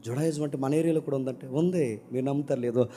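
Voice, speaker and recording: A male pastor preaching a sermon who swings between loud outbursts and hushed asides and keeps asking the congregation questions. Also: medium pitch, fast. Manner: asks the congregation questions and calls for replies.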